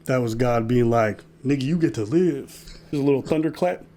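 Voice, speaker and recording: A man hosting a casual podcast, reacting to a video with joking, profane, animated commentary. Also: medium pitch, moderate pace, a little hiss or hum. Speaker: podcast host.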